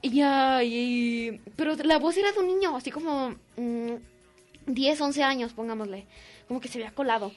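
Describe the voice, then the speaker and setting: A teenage girl with a Mexican Spanish accent, co-hosting a youth radio show and telling a story in a casual, animated way, acting out the voices. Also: high voice, normal speed, soft background music. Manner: animated, acts out voices in her story, giggly. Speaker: young radio co-host. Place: radio studio.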